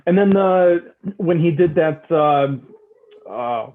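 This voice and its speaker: A man co-hosting a casual political chat podcast. He talks in an animated way, often tags "right?" onto his sentences and repeats words when he gets worked up. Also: a little high, takes it slowly. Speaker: podcast co-host. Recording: tinny phone-like line.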